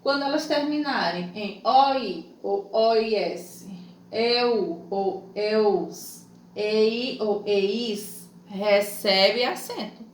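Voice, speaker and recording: A Brazilian woman teacher giving a lesson to children, talking slowly and patiently, spelling out letters and syllables. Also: medium pitch. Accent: Brazilian Portuguese. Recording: echoey room with faint noise.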